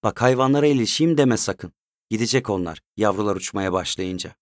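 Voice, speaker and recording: Nagging middle-aged wife, male reader doing her lines, low-ish voice, dry. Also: animated, brisk, no echo, close to an everyday voice. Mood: fussing. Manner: fussing, gently nagging.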